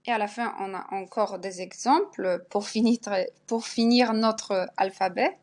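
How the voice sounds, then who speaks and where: A woman's voice: mid-range voice, unhurried, darkish tone. A woman teaching Polish pronunciation in French, sounding out each letter and example word and repeating it. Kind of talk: spelled-out pronunciation lesson.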